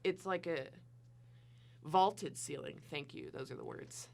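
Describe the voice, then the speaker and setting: Chatty young woman co-host, low voice. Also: unhurried, gravelly, a little mellow. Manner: chatty, storytelling with quoted asides. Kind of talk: casual chat.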